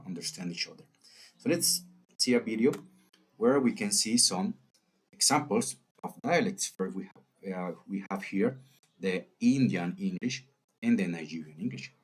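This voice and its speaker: A man narrating a recorded lesson in a deliberate way, with fillers. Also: fairly low pitch. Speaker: teacher.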